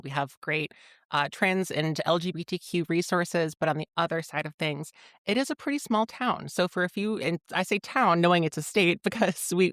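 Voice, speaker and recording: Candid young woman from Rhode Island, smooth voice. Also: fairly low pitch, no echo, studio quality. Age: 20s. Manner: candid, laughs often, animated storytelling. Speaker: guest, founder of a platform. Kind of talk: podcast interview.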